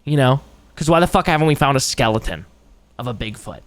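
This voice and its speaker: Male streamer, frat-bro talk, casual reactions, very lively and varied intonation, loose swearing. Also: medium pitch, brisk, no echo.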